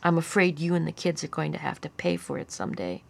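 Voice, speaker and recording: A dying old grandmother from a storybook, as a woman reads her lines, grave and worried. She speaks slowly and solemnly, in a low, gravelly voice. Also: very animated, exaggerated voice.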